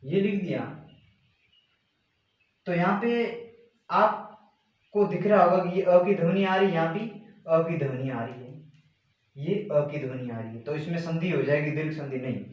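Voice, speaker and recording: A male teacher giving a grammar lesson, slowly repeating and stressing key words. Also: fairly high pitch, lo-fi sound. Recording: very echoey room.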